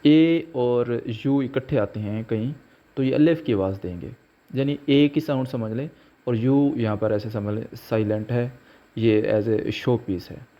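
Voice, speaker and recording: Slow-spoken man teaching pronunciation. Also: mid-range voice. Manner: slow, deliberate, spells out letters and example words. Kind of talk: slow explanatory lesson. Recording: dull lo-fi recording.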